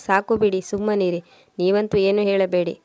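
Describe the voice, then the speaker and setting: A quarrelsome young wife with a scolding tongue, as a woman narrator voices her in an audio storybook. The voice stays level and flat in pitch. It sounds dry and close, with no room around it. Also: normal speed, no echo, close to an everyday voice. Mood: angry. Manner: scolding, defiant.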